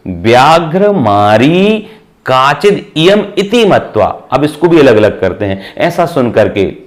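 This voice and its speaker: Lively-pitched man teaching a lesson. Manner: questions the class and answers himself, repeats words slowly. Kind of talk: Sanskrit lesson explained in Hindi.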